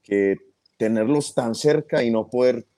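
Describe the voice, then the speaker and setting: A man's voice: medium pitch, unhurried, mellow, dry recording. A man with a Colombian paisa accent, chatting as an interview guest, laughing often and repeating words as he talks. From United States. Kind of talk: casual interview chat.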